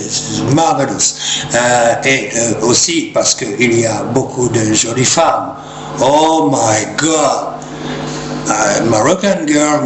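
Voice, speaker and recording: American-accented man speaking halting, slow French. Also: mid-range voice. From United States. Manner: hesitant French mixed with English, refers to himself in third person. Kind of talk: humorous rambling monologue to camera. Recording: roomy echo, clear background noise.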